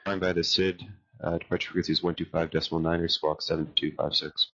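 Deep, husky male pilot on radio. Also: little pitch movement, fast, sharp tone. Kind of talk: radio phraseology, requests and readbacks. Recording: dull lo-fi radio audio.

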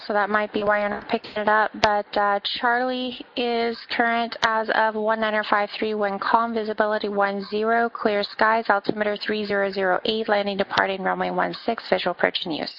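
A woman working as an air traffic controller on the radio, giving clipped procedural instructions in an even delivery. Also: fairly quick, hardly any pauses. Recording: muffled low-fidelity radio audio.

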